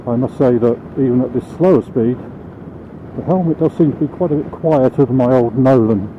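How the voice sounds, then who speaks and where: A man's voice: medium pitch, brisk. A British man chatting casually as he rides a motorbike, vlogging from inside his helmet. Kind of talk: casual vlog monologue while riding. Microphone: small microphone mounted inside the helmet. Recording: phone-like helmet microphone, clear vehicle noise. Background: vehicle and road noise.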